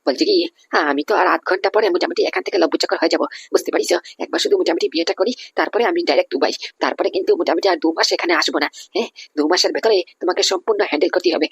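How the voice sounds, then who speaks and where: A woman voicing a cocky, scheming male groom in a Bengali animated comedy, bossy and full of fillers. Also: fairly low pitch, racing, husky, no room sound, heavily acted.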